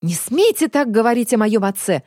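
A woman's voice: on the high side, sing-song, normal speed, a little mellow, dry recording. A frightened but fierce young woman, indignant and defiant, her voice rising and falling widely, as a narrator puts her on. Dry, close storybook recording. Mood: horrified.

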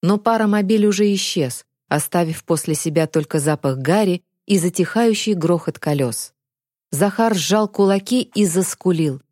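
A woman narrating a storybook in a calm, even telling. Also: on the low side, moderate pace, dry recording, clean studio sound. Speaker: audiobook narrator. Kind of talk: scripted narration.

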